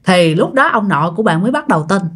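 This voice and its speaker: A woman's voice: mid-range voice, fast talker, breathy edge. A woman with a Southern Vietnamese accent telling a ghost story casually, acting out quoted voices. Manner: animated, acts out quoted voices.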